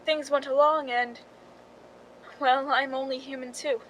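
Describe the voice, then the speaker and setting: Speaking at a measured pace with a steady, high voice, an actress voices a knowing film stand-in confiding her tale in a radio drama. The character is a wry, cool young woman and a scheming narrator, delivered with understated, confessional wryness. The recording is rough, with slight background noise.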